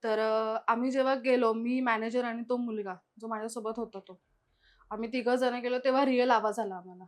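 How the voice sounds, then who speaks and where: This young woman guest casually recounts personal experiences, voicing the quoted words of the people in them. She speaks a little fast, her fairly high voice keeping fairly even intonation.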